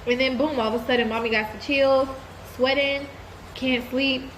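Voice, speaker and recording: Speaking at a moderate pace in a voice that sits high, a woman with a stuffy cold gives her viewers a relaxed, candid life update and addresses them as "y'all." The low-quality recording carries a little hiss or hum.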